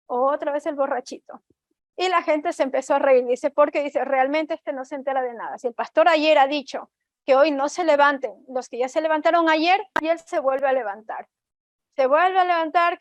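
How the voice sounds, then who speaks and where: A woman's voice: high voice, no room sound. A woman preacher telling a story in a sermon, retelling dialogue with frequent "he says" and fillers.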